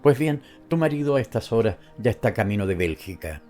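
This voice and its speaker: A man reading the part of a thoughtful cousin, a government official, who questions calmly. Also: fairly low pitch, fairly quick, soft background music, lightly acted. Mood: concerned. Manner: calm, reflective.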